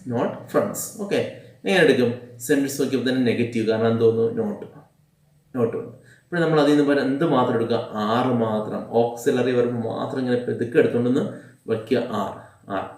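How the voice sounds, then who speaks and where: A man with a Malayali accent teaching English grammar, drilling examples slowly and asking the class questions. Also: mid-range voice. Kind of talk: classroom-style grammar lesson. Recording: echoey room, a bit far from the mic.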